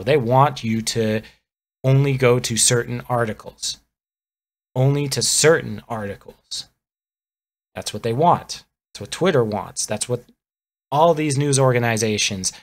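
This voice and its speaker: A man's voice: medium pitch, a bit bright. A man on a live stream, ranting about politics in a heated, sarcastic way. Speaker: livestreamer.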